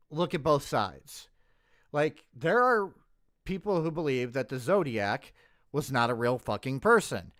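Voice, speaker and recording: A man's voice: on the high side, dry recording, studio quality. A man hosting a stream, reacting to a video in a blunt, profane casual rant that often breaks off mid-word. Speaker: streamer host.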